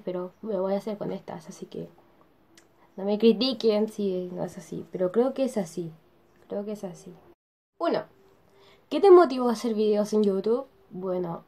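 A woman's voice: mid-range voice, warm tone. A young teenage girl chatting casually to camera from her bed in her bedroom, giggling often and filling her talk with "o sea". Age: young teen. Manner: says she is shy. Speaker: youtuber. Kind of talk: casual chat.

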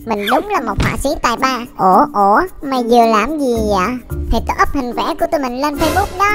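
A woman voicing a bratty, boastful young boy artist who is brash, bossy and quick to take offence. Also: on the high side, lively intonation, natural voice. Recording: loud music behind.

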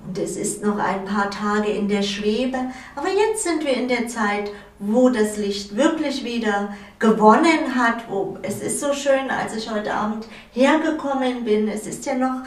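A middle-aged woman hosts a calm spiritual chat in a gentle, drawn-out way, pausing often. Her voice sits fairly high. She is heard from a distant mic in a roomy space. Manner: gentle, unhurried, with many pauses and hesitations. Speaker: host. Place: living-room studio with wall hangings. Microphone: far camera.

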